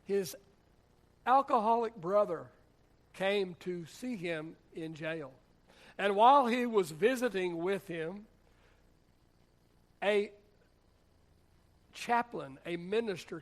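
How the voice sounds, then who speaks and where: A man's voice: sits high, takes it slowly, pauses often. A man, a pastor, preaching a sermon in a church in a conversational, humorous storytelling way. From United States.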